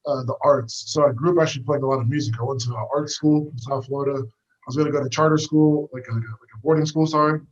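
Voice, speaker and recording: Fast-talking young man telling stories. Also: medium pitch, fairly even intonation, highs cut off. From United States. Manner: easygoing, rambling with many fillers. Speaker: guest, fighter. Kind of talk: casual storytelling interview. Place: walking outdoors.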